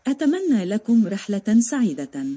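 A woman's voice: medium pitch, big pitch swings, normal speed, mellow, dull audio. A woman narrator playing a female airline captain making a formal, polite cabin announcement to passengers. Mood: welcoming. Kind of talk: scripted narration.

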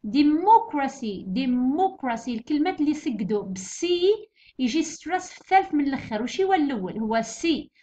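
An Algerian woman teaching English leads an exam revision lesson in a high, dull-sounding voice that is animated and a little mellow. She explains patiently, repeating words slowly and clearly, and the recording is dull and lo-fi.

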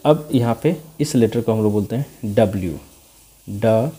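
A man's voice: fairly low pitch, expressive, moderate pace, mellow, breathy edge. A man teaching English letter sounds, repeating each sound and quizzing the viewer with call-and-response questions. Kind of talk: slow repetitive phonics lesson.

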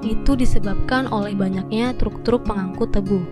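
A woman's voice: mid-range voice, moderate pace, over loud music. A woman in her thirties, narrating a family road trip vlog in a friendly, motherly, explanatory way. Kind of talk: casual travel vlog narration.

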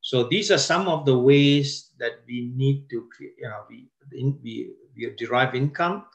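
A man presenting a wealth seminar as a lecture. He slows down to stress key words and often breaks off and restarts his sentences. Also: medium pitch.

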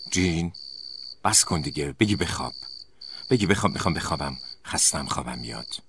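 Agitated young woman student, as a male narrator pitches his voice up, loud and edgy, noisy track. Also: expressive. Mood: annoyed. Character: frightened young woman student, tired and irritable. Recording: noisy recording with crickets.

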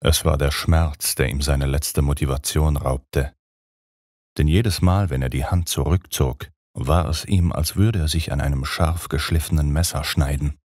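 A man narrating a gothic audiobook in a dramatic, measured storytelling manner. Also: extremely low pitch, fairly even intonation, darkish tone, no room sound, studio quality.

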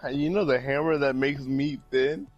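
A young man chatting casually with friends over voice chat, swearing freely and breaking into laughter that cracks his voice up high. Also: steady tone, moderate pace, highs cut off, soft background music. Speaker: channel host.

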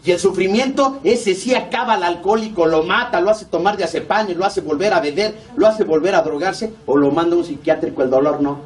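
A man's voice: fairly high pitch, darkish tone. A middle-aged man with a Mexico City accent giving a blunt, heavily profane recovery testimony, acting out both sides of remembered conversations. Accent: Mexico City Spanish. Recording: distant mic with faint background noise.

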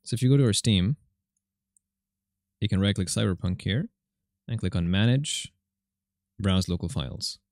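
A man's voice: on the low side, lively intonation, moderate pace, vocal fry, pauses often, a little mellow, dry recording, studio quality. A man giving casual, chatty gameplay commentary and tech walkthroughs as a video host, in an informal way. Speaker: host of a handheld gaming tech channel.

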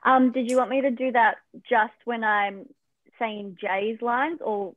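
A woman, an actress, asking a soft, brief question at a script read. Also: on the high side, fairly even intonation, a little slow, dry recording, narrow, tinny audio. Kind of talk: casual chat.

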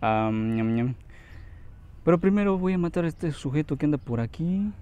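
Excitable swearing Mexican gamer man. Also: fairly high pitch, moderate pace, smooth. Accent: Mexican Spanish. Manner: excitable, swearing, yelps when in danger. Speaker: gameplay streamer. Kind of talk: gaming commentary.

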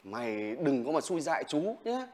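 A boastful, scheming uncle. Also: male voice, on the high side, big pitch swings, normal speed, a little mellow. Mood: teasing. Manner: boastful and teasing. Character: scheming, self-satisfied uncle. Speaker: uncle in a TV drama.

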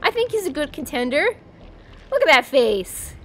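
A young woman with a high-pitched, very animated voice talks at a moderate pace over slight background noise. She is a streamer from the East Coast of the United States with an American accent, casually chatting and giggling with her viewers during a game livestream, using many fillers.

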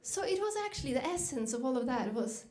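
A woman's voice: expressive, fast talker, darkish tone. Woman giving a keynote. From Norway. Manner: reflective storytelling, lifts pitch when quoting herself. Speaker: keynote speaker. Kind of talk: dinner keynote speech.

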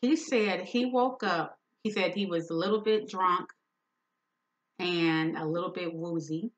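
A woman's voice: lowish voice, a little slow, highs cut off. A woman host candidly retelling a friend's painful story in a personal talk, speaking with emphasis.

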